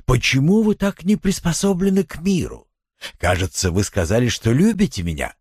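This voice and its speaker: A man voicing a commanding wealthy gentleman who speaks softly, slowly and insistently to a woman. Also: fairly high pitch, very animated, slightly rough, no room sound, clean studio sound, pitched above the performer's own voice. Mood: coaxing. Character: commanding wealthy older man, tenderly coaxing.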